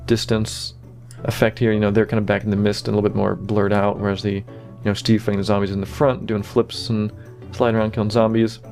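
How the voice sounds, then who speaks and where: Low, flat-voiced man narrating animation. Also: quick pace, vocal fry, hardly any pauses, soft background music. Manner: relaxed, many fillers like "you know" and "kinda". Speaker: animator giving commentary. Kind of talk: casual behind-the-scenes commentary.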